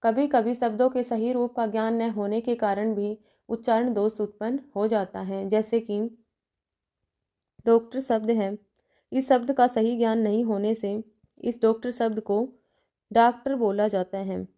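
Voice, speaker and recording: Mellow-voiced woman lecturing point by point. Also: a little high, steady tone, unhurried. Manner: methodical, enumerating numbered points with examples; checks in with "theek hai" between points. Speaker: teacher educator.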